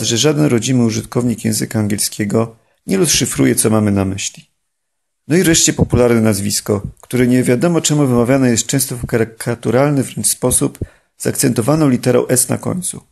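Male language teacher, scripted, measured delivery, some fry and a raspy edge. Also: mid-range voice, a little mellow. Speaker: English pronunciation teacher. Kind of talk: scripted instructional narration.

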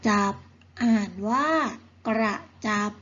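A woman teacher reading vocabulary words slowly and carefully to children, saying each word twice. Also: muffled recording. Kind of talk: slow vocabulary lesson for children.

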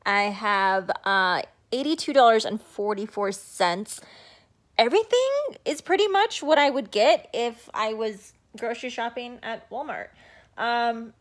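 A woman's voice: a little high, lively intonation, unhurried. A woman in her thirties vlogging casually into a phone camera at arm's length, chatty and upbeat with plenty of ums, first at home and then in her car. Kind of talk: casual vlog walkthrough.

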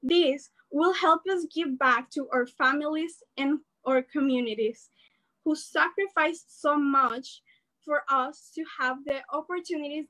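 High-voiced teenage girl, earnest speech. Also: poor audio. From El Salvador. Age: teens. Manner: earnest, animated, gestures while speaking. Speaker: student organizer giving a rally speech. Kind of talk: prepared speech. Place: bedroom at home. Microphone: laptop webcam on a video call.

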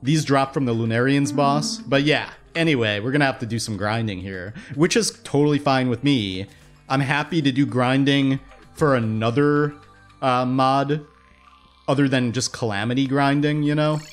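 A young man, a bit hoarse from losing his voice, giving casual let's-play commentary, rambling and breaking off mid-thought in an upbeat way. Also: mid-range voice, moderate pace. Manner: rambling, self-interrupting, upbeat. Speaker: gaming YouTuber. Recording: faint game music behind.

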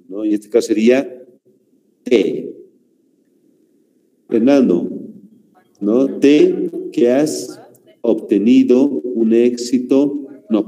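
A man's voice: medium pitch, dark tone, in a large hall, low-quality recording. A man with a Bolivian Spanish accent teaching an online grammar lesson, explaining step by step and checking in with his students after every point. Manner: slow explaining teacher, asks rhetorical questions ending in ¿no?.

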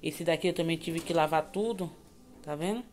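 Speaking at a normal pace in a low voice, a home vlogger from Bahia, Brazil cooks in her kitchen and talks casually with a Bahian Brazilian Portuguese accent. Now and then she coos affectionately at a baby.

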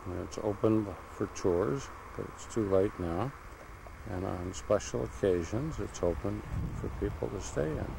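A man with a low, gravelly voice gives unhurried, plain commentary as he films the sights outdoors. The sound comes off an old VHS camcorder tape, with a steady layer of hiss under his words. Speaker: home video narrator. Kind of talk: casual travel narration. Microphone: camcorder mic.

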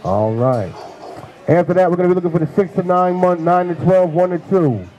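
A man announcing classes at a dog show, loudly chanting out the class names to the ring. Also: high voice, expressive, fairly quick, highs cut off. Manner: loud, chanting calls of age classes. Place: large indoor show venue.

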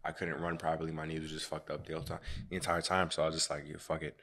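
A man's voice: very deep voice, flat delivery, very fast, a bit bright, slight background noise. A young man co-hosting a podcast in casual chat, laid-back and trailing off into near-whispers. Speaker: podcast co-host.

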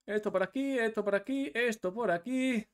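A man, commentating his own match live as a gaming streamer, excitable and swearing, going from low mutters to shouts. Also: moderate pace, clear, resonant tone.

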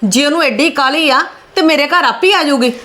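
A woman's voice: sits high, a little fast, sharp tone. A woman playing a brushing-off busy mother. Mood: dismissive. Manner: dismissive, reassuring. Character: busy offhand mother at home. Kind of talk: amateur family drama acting.

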